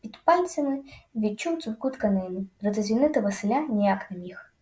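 A woman narrating a children's audiobook with lively, dramatic storytelling. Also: mid-range voice, fairly quick, reverberant.

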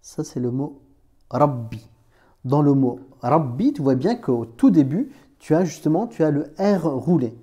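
A man's voice: fairly high pitch, sing-song, moderate pace, dark tone, husky. A man teaching Arabic letters in a chatty, informal way, talking straight to the learner with many restarts. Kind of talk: informal screen-recorded lesson.

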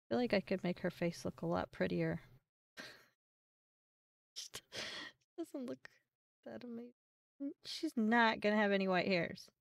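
A woman's voice: mid-range voice, takes it slowly, gravelly, long pauses, no echo, clean studio sound, distant mic. A young woman streaming a game, chatting casually and thinking aloud as she goes, with the odd swear word. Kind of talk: casual live-stream commentary.

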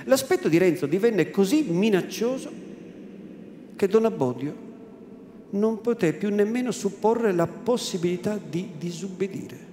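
Male literary reader, measured and dramatic, booming cathedral acoustics with faint room hum. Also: expressive, mellow. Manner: measured, theatrical. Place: large cathedral. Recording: echoey cathedral, faint ambience.

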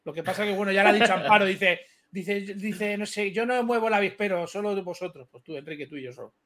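A man co-hosting a live chat, talking fast and heatedly, swearing and repeating himself. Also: high voice. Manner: rapid, excitable, swears a lot, repeats himself. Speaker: live stream co-host.

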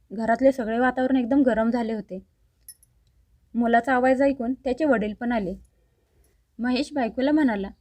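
A woman with a fairly high voice reads a family drama story aloud, giving every character's lines in her own voice. The recording is dry and close, with no room sound around her. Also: darkish tone, no room sound. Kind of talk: scripted narration of a family story.

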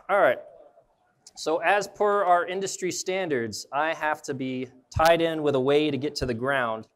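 A man's voice: a little high, clean tone. A young man, an arborist trainer, giving a casual live demonstration at an indoor trade show booth and thinking aloud as he handles his gear.

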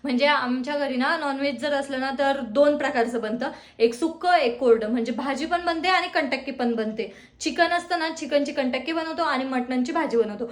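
A young woman with a high voice chats her way through a casual family vlog. She explains her cooking step by step in an easy, talkative way. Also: a little fast. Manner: chatty, teasing, explains as she cooks. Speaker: vlogger.

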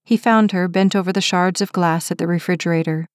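A woman's voice: lowish voice, fairly even intonation, fairly quick, no room sound. Woman narrating an audiobook, dry and close. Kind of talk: scripted narration.

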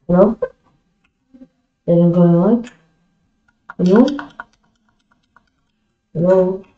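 Over echoey, phone-like game voice chat, a female online player talks slowly in a low voice. She chats casually but in a plaintive, pestering way.

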